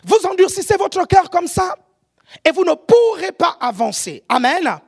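Woman preacher with an African French accent, high voice that swings widely, animated and often shouting. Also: unhurried. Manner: animated, often shouting, keeps checking the congregation follows. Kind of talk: sermon.

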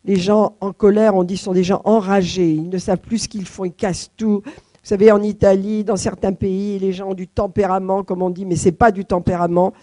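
A woman's voice: medium pitch, little pitch movement, moderate pace, dark tone, no echo. A woman preaching a sermon to her congregation, stressing scripture lines with repetition and rhetorical questions.

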